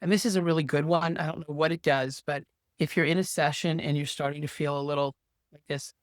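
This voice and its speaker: A woman's voice: deep voice, fairly even intonation, fairly quick, no echo, clean studio sound. A woman in her sixties, a therapist and guest, telling stories in a casual, emphatic interview conversation. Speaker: podcast guest, social worker and therapist.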